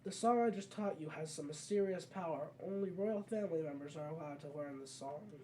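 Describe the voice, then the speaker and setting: A player reads aloud as a solemn female guardian from a fantasy video game, lightly acting in a measured, instructive way with a dark, mellow, medium-pitched tone. She sits far from the mic, and the rough home recording carries slight noise.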